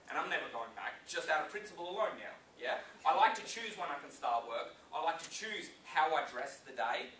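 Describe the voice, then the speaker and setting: A young man in his twenties giving an energetic motivational conference talk, constantly checking in with the crowd with "okay?" and "yeah?". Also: on the high side, brisk, hardly any pauses, a little hiss or hum. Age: 20s. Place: conference room before an audience. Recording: echoey room, mic at a distance.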